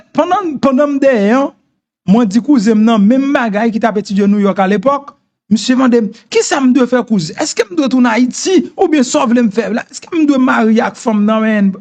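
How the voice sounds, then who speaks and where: A middle-aged Haitian Creole-accented man speaks in a notably high voice. He hosts a casual commentary monologue, repeating his points insistently as he gives advice. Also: darkish tone. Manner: repetitive, insistent advice-giving. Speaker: host.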